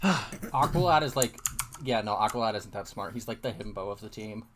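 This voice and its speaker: A man's voice: on the low side, moderate pace, a little hiss or hum. A man co-hosting a podcast in casual chat, dry and casually swearing. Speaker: podcast co-host.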